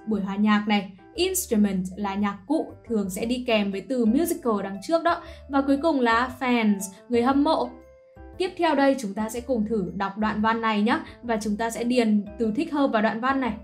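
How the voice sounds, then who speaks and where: A woman teacher explaining a lesson patiently and clearly, often checking in with questions to her students. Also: on the high side. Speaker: English teacher.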